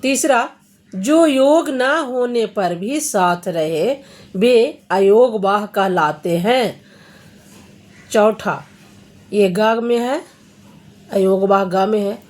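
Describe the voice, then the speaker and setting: A woman's voice: mid-range voice, extremely slow, long pauses, darkish tone. A woman teacher going through Hindi grammar questions for students, reading each question and then patiently explaining the answer.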